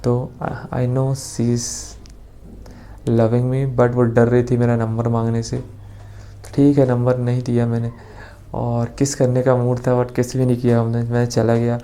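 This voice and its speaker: A man's voice: medium pitch, completely flat delivery, takes it slowly, dark tone. A young man casually telling a personal story, rambling with restarts and quoting dialogue. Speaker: vlogger.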